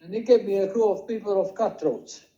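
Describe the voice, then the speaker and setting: An older man recounting his working life in a rambling, halting way, with many restarts and quoted dialogue. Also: high-pitched, mellow. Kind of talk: rambling personal storytelling. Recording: dull lo-fi home recording.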